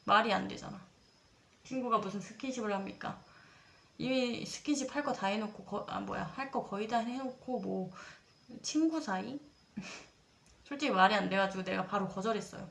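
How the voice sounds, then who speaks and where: A young woman in her twenties, a storytelling creator, chats casually and confessionally to her viewers about a personal dating experience, acting out the lines people said. Her mid-range voice is gravelly and a bit bright, heard with roomy echo.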